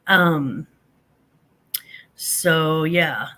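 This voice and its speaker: An older woman, a grandmother, hosts a casual livestream and answers viewers in a rambling, self-deprecating chat. She sounds a little stuffy from allergies. Her deep voice is pushed and bright, and she speaks extremely slowly.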